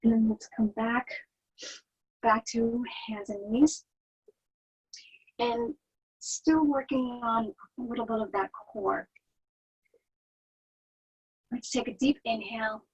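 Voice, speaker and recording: A woman teaching yoga, guiding the poses in a soothing, gentle manner with a slightly husky, breathy voice. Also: fairly high pitch, takes it slowly, long pauses, low-quality recording. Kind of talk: guided yoga instruction.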